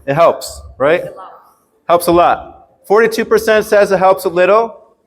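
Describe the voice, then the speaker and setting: A high-voiced man speaks at a measured pace, leading a playful, casual English workshop and regularly checking in with the students. The setting is a big university hall, and the recording echoes with long reverb.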